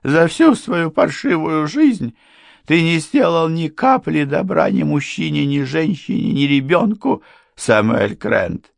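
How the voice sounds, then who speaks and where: A man's voice: sing-song, takes it slowly, vocal fry, no room sound, clean studio sound, exaggerated voice. A man voicing an older housekeeper woman, tearful and bitterly accusing. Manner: crying, shrill, accusing.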